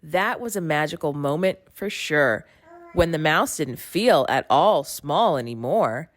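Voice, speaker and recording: A woman giving an expressive read-aloud narration of a rhyming children's story. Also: deep voice, measured pace, no echo, clean studio sound. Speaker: storybook reader.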